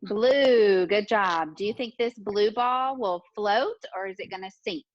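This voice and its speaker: A woman with a mid-range voice and measured pace gives young pre-kindergarten children an interactive lesson, asking questions and encouragingly repeating their answers. The recording is dry and muffled.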